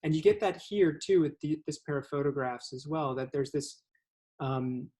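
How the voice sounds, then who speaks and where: A man's voice: fairly high pitch, moderate pace, dark tone. A man hosting a museum artist talk, introducing and interviewing the guest with thoughtful questions. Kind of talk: hosted conversation.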